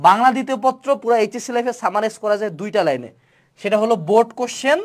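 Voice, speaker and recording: Young tutor, rapid-fire delivery, playful, rhetorical questions, English words mixed in. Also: mid-range voice. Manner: mixes English words into Bengali. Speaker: online tutor. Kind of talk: webinar lecture.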